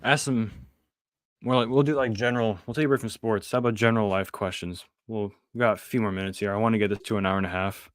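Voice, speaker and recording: Fast-talking and relaxed, a young man hosts a casual podcast stream, reading viewer messages aloud and responding. The recording is dry and close with no echo, and his fairly low voice keeps sinking into trailing, quiet asides.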